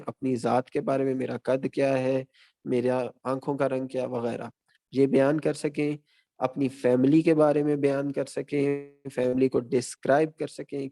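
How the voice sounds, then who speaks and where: A man lecturing to students in an online session, walking through his points in a measured, explanatory way. His voice is gravelly with a dark, mellow tone, and he sits at an ordinary pitch for a man. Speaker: guest lecturer.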